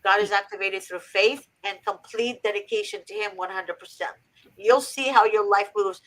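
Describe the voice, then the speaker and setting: A woman's voice: medium pitch, steady tone, moderate pace, fairly bright tone, rough recording. A woman from Egypt hosting a faith-based advice talk, earnest and preachy with emphatic repetition. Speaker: host.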